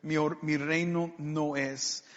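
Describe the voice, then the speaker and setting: A man delivers a sermon in a high voice. He preaches slowly and emphatically, stretching out the words he stresses. The recording sounds dull and muffled, with a long hall reverb. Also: level tone. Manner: emphatic, drawing out key words.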